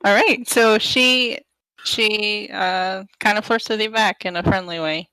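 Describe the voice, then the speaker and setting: A woman with a bright, ringing tone speaks in a friendly, upbeat way during a tabletop game. Her voice is dry and close to the mic. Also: mid-range voice, steady tone, unhurried, clear, resonant tone, no echo, low-quality recording.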